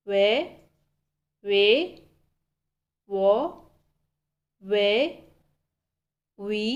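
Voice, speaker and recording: A woman's voice: mid-range voice, warm tone. A woman teaching a language lesson, repeating each letter sound patiently and explaining step by step. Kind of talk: slow, careful language lesson.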